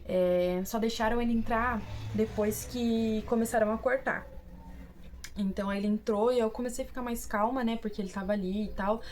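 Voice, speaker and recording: A woman's voice: on the high side, fairly even intonation, normal speed, a little mellow, a little hiss or hum. A young woman with a Brazilian Portuguese accent, casually telling viewers her own story, chatty and full of fillers and restarts. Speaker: vlogger.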